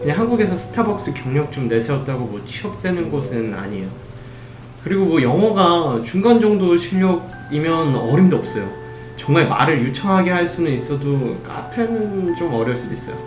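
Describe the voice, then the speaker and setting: A man's voice: a little high, very animated, brisk, reverberant, music in the background. A man voicing a blunt male working holiday counselor who gives matter-of-fact advice.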